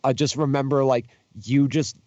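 A man's voice: medium pitch, level tone, normal speed, a little mellow, dry recording, lo-fi sound. A young man in casual chat, telling tour stories in a rambling, profane way with lots of fillers and restarts. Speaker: podcast guest, touring musician.

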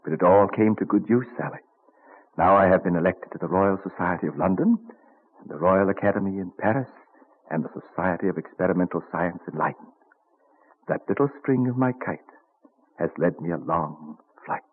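A low-pitched, expressive male voice moves at a fairly quick clip as he portrays a kindly, learned elderly statesman-inventor for vintage radio. Fond and proud, he lingers over his words, and the old recording sounds muffled.

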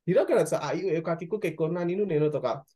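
An Indonesian man who works as a nurse appears as a guest in a casual interview chat, speaking Japanese as a second language with hesitant fillers and self-corrections; his first language is Indonesian. His voice is mellow, husky, and on the high side, and he talks at a quick pace.

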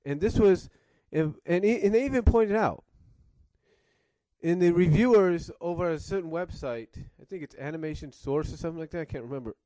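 A man's voice: fairly high pitch, normal speed, dark tone, no room sound. A man reviewing cartoons in casual commentary, rambling and circling back to rephrase, coughing now and then with a cough drop in his mouth.

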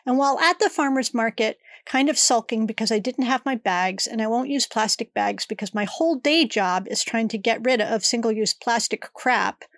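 A woman's voice: fairly high pitch, moderate pace, few pauses, fairly bright tone, no echo, studio quality. A middle-aged woman hosting her own podcast, congested and talking in a rambling, personal, chatty way. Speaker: podcast host. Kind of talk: casual solo podcast monologue.

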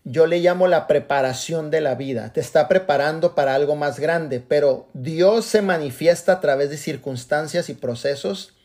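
A man in his forties giving an animated motivational talk to his team over a video call, blessing his listeners. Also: a little high, normal speed, hardly any pauses. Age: 40s. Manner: animated, acts out quoted voices, blesses listeners. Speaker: motivational business speaker.

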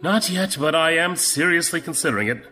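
A stern imperial admiral. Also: male voice, on the high side, lively intonation, pushed and bright, soft background music. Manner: commanding, measured. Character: stern older male imperial admiral, conspiratorial. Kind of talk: audio drama acting.

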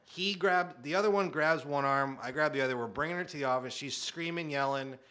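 Thirties man, guest storyteller, bright and punchy, flips into quoted voices and low asides. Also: fairly quick, smooth. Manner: animated, acts out quotes, drops to muttered asides. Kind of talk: casual comic storytelling.

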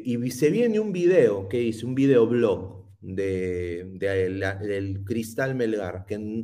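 A man's voice: mid-range voice, warm tone. A man with a Peruvian Spanish accent hosting a casual livestream, talking in a sarcastic, rambling, teasing way. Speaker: podcast host.

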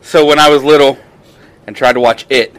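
A man's voice: medium pitch, steady tone, fairly quick, fairly bright tone, no room sound, poor audio. A man in a casual podcast chat, talking bluntly and swearing freely.

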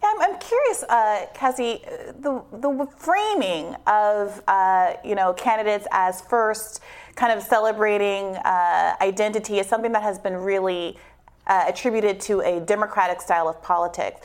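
Measured woman co-host asking probing questions. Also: medium pitch. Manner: measured, hesitant, drawn-out questions. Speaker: news show co-host.

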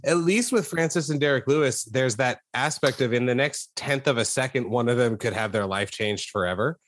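A man's voice: mid-range voice, a little fast, slight background noise. A man co-hosting a casual sports podcast, tossing in dry wisecracks. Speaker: podcast co-host. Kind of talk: casual chat.

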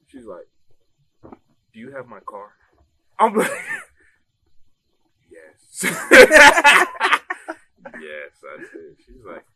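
A young man telling a casual story among friends, animated and laughing, full of slang and swearing. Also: fairly low pitch, slightly rough.

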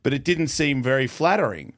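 A man's voice: medium pitch, expressive, fairly quick, fairly bright tone, dry recording, clean studio sound. A man talking as a podcast guest, hesitant with many stumbling restarts. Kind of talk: casual chat.

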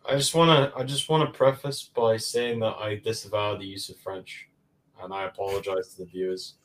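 A man's voice: fairly low pitch, steady tone, fairly quick, slight background noise. A man who is a guest on a casual livestream chat over a video call, speaking with dry, teasing humor.

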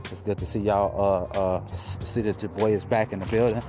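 A man hosts a casual motivational podcast in a fairly low, steady voice at a fairly quick pace. He swears and repeats himself for emphasis, sounding slightly muffled because he speaks through a face mask into a close podcast mic. Music plays in the background.

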